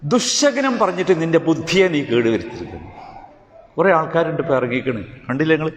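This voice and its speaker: A male preacher giving a sermon, asking rhetorical questions and swinging between emphatic highs and quiet lows. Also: sing-song, a little fast. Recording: hall reverb with faint ambient noise.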